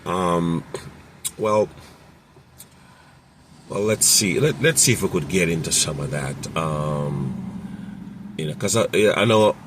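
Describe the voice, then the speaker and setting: A man's voice: deep voice, slight background noise. A man who runs a mobile mechanic business, giving casual, rambling advice with many fillers and repeated phrases.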